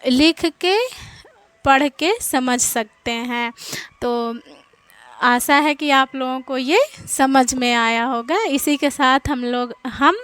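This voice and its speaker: A woman with a high voice teaching a children's grammar lesson. She speaks slowly and patiently, repeating each example word. The sound is dry and close. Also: fairly bright tone, no echo. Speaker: Hindi teacher.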